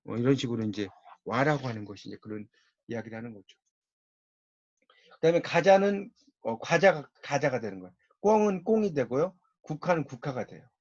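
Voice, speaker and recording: A man's voice: medium pitch, darkish tone, no echo, lo-fi sound. A man with a Gyeongsang accent giving a university-style lecture on Korean linguistics, explaining patiently and repeating key words.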